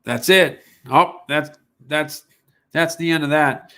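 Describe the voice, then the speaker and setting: A man's voice: on the high side, takes it slowly, bright, forceful tone. A man hosting a live sales stream, talking casually in a rambling way with restarts. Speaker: online sales show host.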